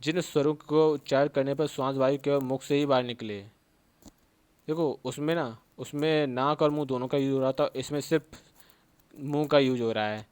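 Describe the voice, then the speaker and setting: A man's voice: medium pitch, fairly even intonation, normal speed, a little mellow, smooth, dry recording. A man teaching a Sanskrit grammar lesson for exam preparation, with a Hindi accent from Uttar Pradesh. He repeats key terms and keeps checking in with his students. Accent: Hindi speaker from Uttar Pradesh. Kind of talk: exam-prep grammar lecture.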